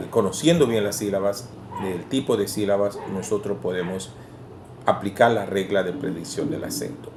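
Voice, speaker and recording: A male language teacher with a Venezuelan Spanish accent, giving a deliberate lecture in which he sounds out syllables one at a time. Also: lowish voice. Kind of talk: explanatory lecture. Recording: echoey room with faint background hiss.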